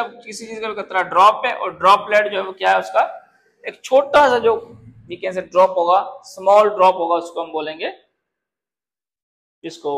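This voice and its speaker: High-voiced male grammar teacher. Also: vocal fry, sharp tone. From Pakistan. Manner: patient, repeatedly asks if students understand; calls students "beta", explains with word examples. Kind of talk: classroom grammar lesson.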